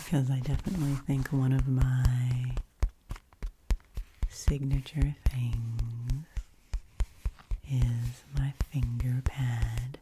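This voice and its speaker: A woman softly whispering an unhurried ASMR ramble with finger tapping, very close to the microphone. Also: extremely low pitch, little pitch movement, noisy background. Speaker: ASMR channel creator and host. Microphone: very close microphone with cover off.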